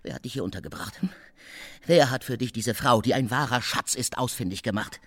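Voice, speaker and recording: An actor playing a coarse, scheming swindler in a radio drama, abusive and loud. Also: male voice, medium pitch, fairly quick, natural voice. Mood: scornful. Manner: abusive, blustering, shouting. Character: scheming middle-aged male swindler, coarse, bullying. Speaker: Tarantjew.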